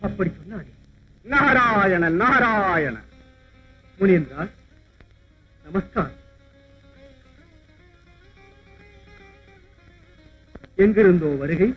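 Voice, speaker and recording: A wandering divine sage with a very high, light voice, sly and teasing, who chants the god's name between his remarks. It sounds like a dull, lo-fi old film soundtrack with music underneath. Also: husky, heavily acted. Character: wandering divine sage, wry meddling messenger. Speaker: film character. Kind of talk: dubbed mythological film acting.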